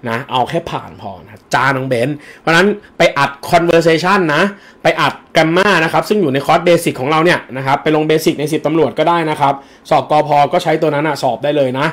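A man teaching English for an entrance exam on a livestream, chatting and joking casually as he answers viewer comments. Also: on the high side. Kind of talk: live-streamed lesson answering viewer comments.

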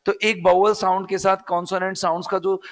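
Man, Rajasthani Hindi accent, English teacher, live class, higher voice, reverberant room. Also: level tone, fast talker. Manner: explains step by step, repeats key words, asks and answers own questions. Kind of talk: live online exam-prep class.

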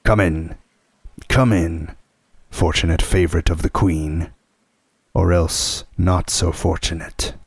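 Man voicing a grim, slightly husky storybook wolf. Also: sits low, fairly even intonation, dry recording, heavily acted. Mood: sly menace. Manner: menacing, slow commands. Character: grim grey wolf, chief of a secret police. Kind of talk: storybook character voice.

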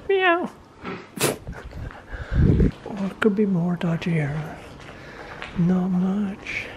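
A young Irish man vlogging casually, rambling with lots of "like" and "you know", sometimes sinking to hushed whispers as he explores. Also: sits high, very animated, extremely slow, noisy background. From Ireland. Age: young adult. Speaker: vlogger and musician. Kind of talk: casual vlog chat. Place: room indoors, then an abandoned building. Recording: echoey, distant camera audio.

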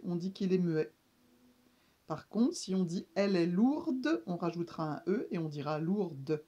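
A woman giving a slow reading lesson to young children, stretching and repeating sounds for them. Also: medium pitch, dark tone, dull audio. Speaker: speech therapist teaching reading.

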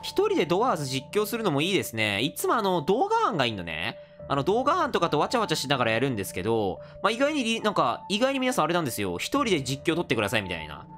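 A man with a hosting a solo let's-play, excitable and reacting loudly to the game. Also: on the high side, rapid-fire, hardly any pauses, over music. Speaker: gaming video host.

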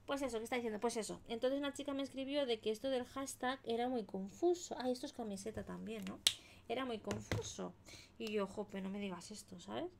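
A woman's voice: fairly high pitch, brisk, vocal fry, heavy background noise. A young woman from Spain chatting casually on her live stream, thanking viewers by name as she tells a rambling story. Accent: Spain Spanish. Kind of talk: casual live-stream chat while colouring.

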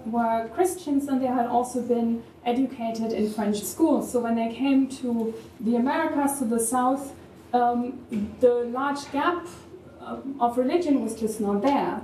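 A woman with a German accent giving measured, thoughtful academic remarks as a panel discussant, with a touch of wry humor. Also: on the high side, warm tone, a little hiss or hum. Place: university event hall. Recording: echoey room, distant mic, faint ambience.

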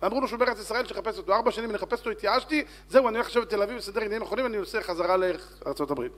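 A man, a rabbi, telling a story in a sermon and acting out shouts and dialogue. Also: sits high. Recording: long hall reverb.

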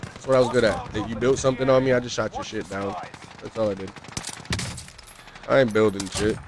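A man's voice: on the low side, level tone, brisk, a crowd in the background. A male game streamer chatting casually with slangy, profane banter while he plays. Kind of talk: casual gaming chat.

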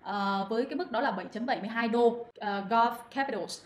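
Woman crypto explainer, higher voice, chatty with fillers, roomy echo and faint hiss. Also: fast. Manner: addresses listeners as anh chị, many fillers. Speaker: crypto channel moderator. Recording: echoey room, faint noise.

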